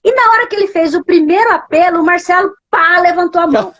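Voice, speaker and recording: Emotional high-voiced woman telling her story. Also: quick pace, fairly bright tone. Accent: Brazilian Portuguese. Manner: emotional storytelling, voice breaking at times. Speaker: guest, pastor. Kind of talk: live interview testimony. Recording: dull lo-fi live stream audio.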